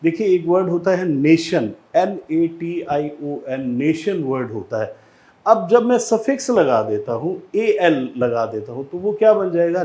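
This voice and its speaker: A man with an Indian accent teaching an exam-prep English lesson, explaining slowly and repeating each word for drill. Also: a little high, dark tone.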